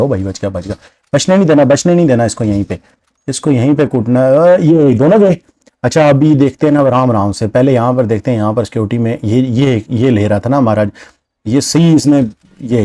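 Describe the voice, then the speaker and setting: Guy doing fast excited game commentary, repeats himself a lot, dry close mic. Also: mid-range voice, no room sound, rough recording. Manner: excitable, narrates the action play by play with many repetitions. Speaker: gameplay commentator. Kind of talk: let's-play game commentary.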